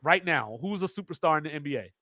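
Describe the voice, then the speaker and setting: A man's voice: on the high side, animated, fast talker, pushed and bright, no echo, clean studio sound. A man hosting a casual sports debate, questioning and restarting his phrases to get the floor. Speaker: sports talk show host.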